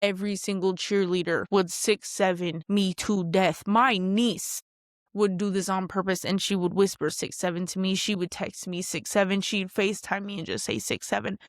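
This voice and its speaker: A woman in her late twenties hosting a podcast alone, in a chatty, animated manner full of asides. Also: normal speed, dry recording, studio quality. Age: 20s. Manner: chatty, animated, frequent asides and jumps in pitch. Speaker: podcast host. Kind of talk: casual solo podcast monologue.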